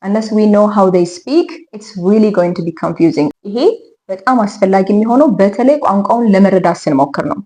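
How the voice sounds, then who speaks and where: Amharic-speaking lady teaching english, quick and mellow, says every example twice. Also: mid-range voice, lively intonation. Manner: repeats each example sentence twice, switches between English and Amharic. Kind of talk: language lesson, modeling example sentences.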